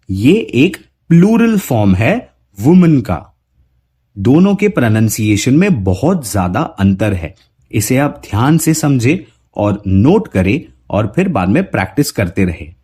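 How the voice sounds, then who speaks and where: A man teaching English pronunciation to Hindi speakers, saying sample words one by one with deliberate, drawn-out care. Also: slightly rough. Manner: drawn-out word examples with a lively rising pitch. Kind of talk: slow, deliberate pronunciation lesson.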